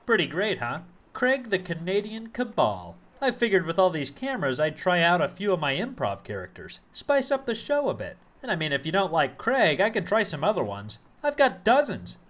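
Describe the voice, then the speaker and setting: A man's voice: high-pitched, normal speed, hardly any pauses, heavily acted. A man playing a goofy, wisecracking officer. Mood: joking. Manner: wisecracking, lively. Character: hungry, goofy officer and would-be improv actor.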